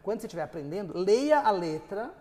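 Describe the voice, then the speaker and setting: A man, an English teacher and author, answering interview questions in a lively, storytelling way. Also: high-pitched, fast, long reverb tail. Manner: lively storyteller who sings snippets and laughs. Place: TV studio.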